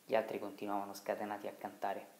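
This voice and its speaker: A man reading a literary novel aloud in a measured, even storytelling manner. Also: lowish voice, reverberant. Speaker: audiobook reader. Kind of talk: literary audiobook narration.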